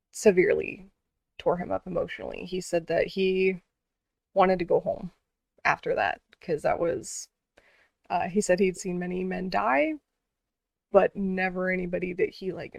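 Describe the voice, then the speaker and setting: A woman's voice: lowish voice, steady tone, a little slow, vocal fry, pauses often, darkish tone, no echo, highs cut off. A woman vlogger telling a story in a casual, earnest way, with many fillers and restarts.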